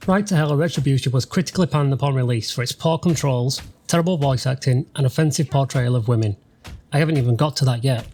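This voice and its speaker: A man's voice: medium pitch, fast, a little mellow. A man from the UK, a gaming channel host, giving sarcastic, dryly mocking voice-over commentary over gameplay. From United Kingdom. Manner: sarcastic, dry mocking humour. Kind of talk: let's-play voice-over commentary.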